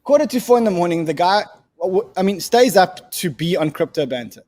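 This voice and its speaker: A man's voice: high voice, lively intonation, brisk, darkish tone. A man hosting a casual livestream interview, joking and bantering with his guest.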